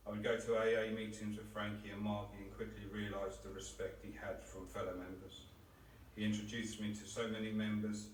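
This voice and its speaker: A man reading a eulogy for his great uncle in a steady, heartfelt way. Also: fairly low pitch, a little hiss or hum. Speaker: relative giving a eulogy. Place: crematorium chapel. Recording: roomy chapel, distant mic.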